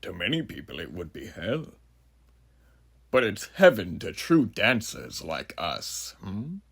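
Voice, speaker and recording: Sinister ageless judge, horror monologue, husky gravelly rasp, widely swooping delivery, grandiloquent, slow theatrical musing. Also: male voice, deep voice, huge pitch swings, fairly bright tone, heavily acted. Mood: grandiose, sinister. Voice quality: gravelly, husky, breathy at phrase ends. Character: huge ageless sinister philosophizing judge, menacing male drifter. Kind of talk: horror character monologue addressed to listener.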